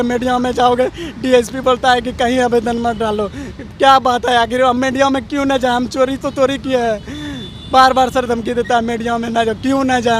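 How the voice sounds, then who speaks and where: A man's voice: very high voice, a little hiss or hum. A man giving a street interview, pleading and aggrieved. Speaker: victim's brother.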